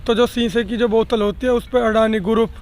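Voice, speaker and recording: A man argues emphatically as a passer-by answering a reporter. His voice is strikingly high. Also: fairly even intonation, brisk, crowd noise. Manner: argumentative, emphatic. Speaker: interviewee.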